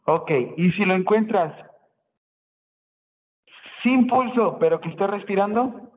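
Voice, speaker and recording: High-voiced man presenting in class. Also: slow pace, slight background noise. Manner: explanatory, asks rhetorical questions, self-correcting. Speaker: nursing student presenting. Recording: tinny phone-line sound in echoey hall.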